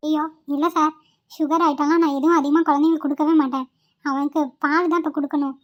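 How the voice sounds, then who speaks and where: A woman's voice: high-pitched, level tone, fast talker, close to an everyday voice. A young woman voicing a caring, polite young woman in a cartoon who looks after children and soothes others. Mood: gentle. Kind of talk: cartoon voice acting.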